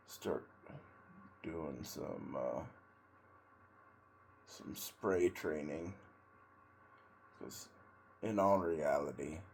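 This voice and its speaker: A man sitting in ice cold water, giving a casual, rambling monologue in a halting way with long pauses between short phrases. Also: a bass voice, creaky, darkish tone, a little hiss or hum. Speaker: vlogger, tradesman in auto body and paint.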